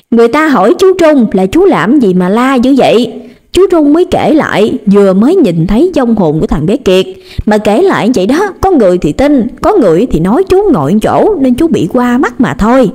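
A young woman with a Southern Vietnamese accent, narrating a ghost story with dramatic, lively delivery. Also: fairly high pitch.

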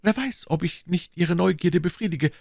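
A man reading aloud and voicing an anxious, secretive young woman, with a raised, light pitch and quick, urgent delivery. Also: vocal fry, a little mellow, no echo, clean studio sound. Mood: pleading. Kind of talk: audiobook reading.

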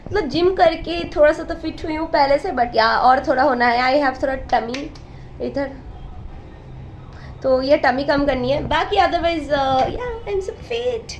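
Speaking slowly in a high voice, a woman in her twenties from India vlogs casually, blending English into her Hindi. She's a vlogger and gaming streamer filming in small home rooms on a phone at arm's length, with a bit of hiss or hum audible.

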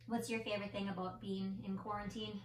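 A woman's voice: medium pitch, little pitch movement, fairly quick, echoey room, distant mic, a little hiss or hum, poor audio. A woman leading a family yoga class, calling out step-by-step cues and countdowns in an encouraging, playful way. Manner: playful with her child. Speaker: yoga instructor. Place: indoor room with a mirror and mat or carpet.

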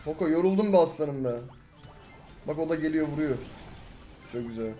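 A young man giving chatty, excitable live commentary over his own gameplay, muttering low one moment and yelling the next. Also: moderate pace, soft background music. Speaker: gaming YouTuber.

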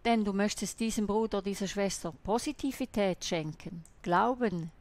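A woman's voice: medium pitch, moderate pace, darkish tone. A woman voicing a sermon in translation, preaching in an emphatic, admonishing way.

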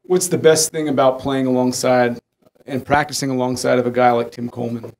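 Man asking long questions, gravelly voice. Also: mid-range voice, fairly even intonation, fairly quick, darkish tone. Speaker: team media interviewer. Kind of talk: postgame press questions.

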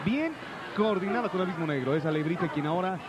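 High-pitched Mexican wrestling commentator, man. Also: lively intonation, fast talker. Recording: noisy arena broadcast. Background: loud arena noise.

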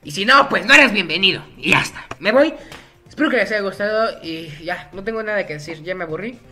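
A man's voice: sits high, animated, brisk, sharp tone, soft background music. A young man, a gaming YouTuber, giving casual gameplay commentary in a jokey, rambling way and getting easily frustrated.

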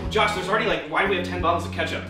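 A young man in his twenties hosting a sarcastic mock cooking show, talking with mock cheer and exasperation and yelling at his roommate. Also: high-pitched, racing. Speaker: comedy host. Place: small home kitchen. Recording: echoey kitchen with background music.

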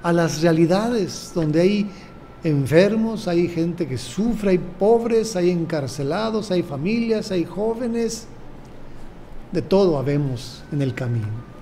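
An older man, a bishop with a Mexican Spanish accent, preaching a sermon in a slow, measured way and repeating his phrases. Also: high-pitched, expressive, dark tone, a little hiss or hum.

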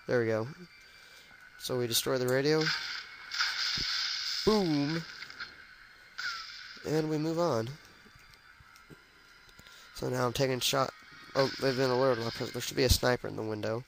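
A young man narrates his shooter game in a loose, joking way, calling out every step. His voice sits at a middling pitch with a gravelly rasp underneath. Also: steady tone, normal speed, long pauses, background noise. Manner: chatty, jokey, narrates his moves as he plays. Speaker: let's play gamer. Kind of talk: casual gameplay commentary.

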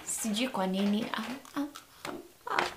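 A woman's voice: mid-range voice, lively intonation, unhurried. A young woman with a Kenyan accent, giggly and drunk, chatting casually and rambling as she repeats her phrases. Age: young adult. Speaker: featured guest. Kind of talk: casual chat. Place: indoors, wood-panelled room. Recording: roomy echo, faint background noise.

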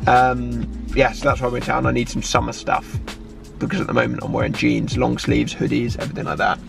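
Casual male vlogger, twenties, southern English, mid-pitched gravelly voice, music underneath. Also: monotone, a little fast. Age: 20s. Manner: chatty, informal. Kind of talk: casual vlog chat. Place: in a parked car, on city streets and in shops. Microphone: handheld vlog camera at arm's length.

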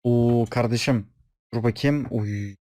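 A man casually reacting to a video, relaxed, joking and slangy. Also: medium pitch, slow pace, no room sound, studio quality. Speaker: reaction streamer.

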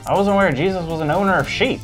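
A woman voicing Carl, a goofy, joking, soft-hearted young boy in a kids' church skit. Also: lowish voice, racing, faint music behind, natural voice. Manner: playful, joking, excitable.

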